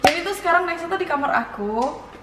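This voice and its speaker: A young adult woman with a high voice chats playfully and informally as she walks through the rooms of a house, giving a casual vlog tour. She sounds animated and talks fairly quickly. A handheld camera mic held at some distance captures her, so the audio is noisy and echoes off the rooms.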